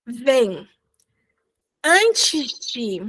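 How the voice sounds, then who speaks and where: A woman's voice: sits high, sing-song, extremely slow, fairly bright tone. A young woman teaching a language lesson over a video call, chatty, checking in with her students every few sentences. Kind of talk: online class explanation.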